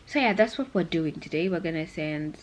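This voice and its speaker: Briskly and with lively intonation, a young Zambian woman with a low voice talks casually to the camera like a vlogger. Her rambling, chatty delivery often doubles back, and there's slight background noise.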